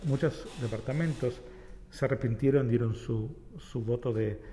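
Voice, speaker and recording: Argentine rabbi, mellow reflective voice. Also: male voice, medium pitch, normal speed, big-room sound, slight background noise. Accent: Argentine Spanish. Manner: reflective, uses homely examples and parables. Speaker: rabbi, guest. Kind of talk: explanatory talk-show conversation.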